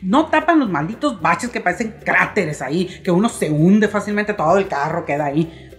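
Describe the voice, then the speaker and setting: A woman's voice: lowish voice, lively intonation, moderate pace, soft background music. Exasperated Mexican woman ranting comically. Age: middle-aged. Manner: exasperated, grumbling, mock-outraged. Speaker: vlogger. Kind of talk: comic rant to camera.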